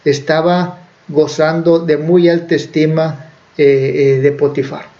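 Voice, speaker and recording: A man's voice: a little high, level tone, takes it slowly, dark tone. A man preaching, who retells a Bible story in a conversational way with fillers and self-corrections. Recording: dull lo-fi recording.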